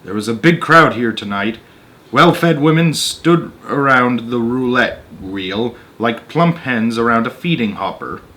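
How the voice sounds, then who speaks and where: Hosting a story-time show, a man reads a children's story aloud and breaks away for casual, chatty comments on it. His voice sits at a medium pitch with a fairly bright tone.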